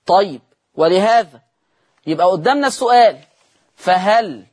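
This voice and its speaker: A man's voice: sits high, animated, darkish tone. Egyptian man teaching Quran recitation. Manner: draws out words slowly to demonstrate pronunciation; asks rhetorical questions and checks in with viewers. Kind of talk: televised religious lesson.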